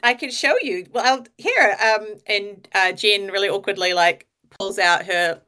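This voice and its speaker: Bright-voiced woman playing a tabletop game. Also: medium pitch, smooth. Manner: halting, full of fillers and restarts. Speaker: player. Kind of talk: tabletop role-play chat.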